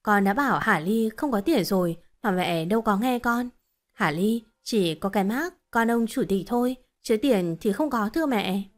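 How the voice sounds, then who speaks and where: A woman's voice: medium pitch, animated, moderate pace, natural voice. A woman voicing a young husband in a told story, coaxing and offhand. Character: smooth-talking young husband, flattering and dismissive.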